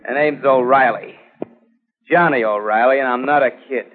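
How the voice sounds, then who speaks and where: A man's voice: mid-range voice, normal speed, lightly acted. An actor playing a bitter, scarred male war veteran who speaks in a mocking, sarcastic way, in 1940s radio acting. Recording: tinny old radio broadcast with music.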